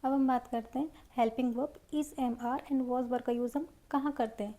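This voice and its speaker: A woman's voice: high voice, mellow. A woman teaching English grammar in Hindi, explaining step by step and repeating each example in both languages. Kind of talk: Hindi-medium grammar lesson.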